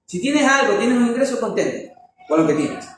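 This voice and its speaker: A man teaching a Bible lesson in an emphatic preaching style, stressing words with sharp rises and asking rhetorical questions. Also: very high voice, very animated, normal speed. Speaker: Bible teacher leading a church economics class. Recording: echoey room, voice from far off, faint noise.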